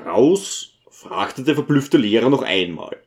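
A man reading a novel aloud as an audiobook, with expressive storytelling. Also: mid-range voice, normal speed. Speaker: audiobook reader. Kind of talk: scripted audiobook narration.

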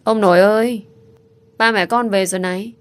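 Lady doing a sweet little boy voice, eager, asks everything, kinda low for a kid. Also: moderate pace, natural voice. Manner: pleading, childlike questions.

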